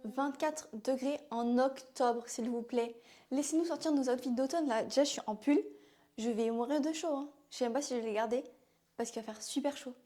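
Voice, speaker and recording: A young woman with a regional French accent chatting casually in a vlog, rambling and filling pauses with "euh". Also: high-pitched, warm tone. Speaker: vlogger.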